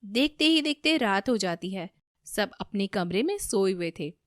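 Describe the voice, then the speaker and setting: A woman narrating a family moral story for a cartoon in a steady, even manner. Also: medium pitch, a little slow, no echo, clean studio sound.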